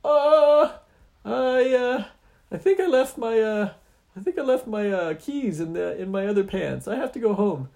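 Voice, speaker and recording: A man's voice: fairly high pitch, expressive, unhurried, creaky, mellow, slightly rough, pitched above the performer's own voice, heavily acted. A man voicing a cowardly, whiny TV superhero who stammers nervously. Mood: panicky.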